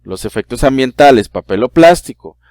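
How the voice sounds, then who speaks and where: A man's voice: mid-range voice, expressive, normal speed, darkish tone, no room sound, clean studio sound. A male primary school teacher with a Mexican Spanish accent giving a recorded lesson, explaining patiently to a child with frequent "eh" fillers.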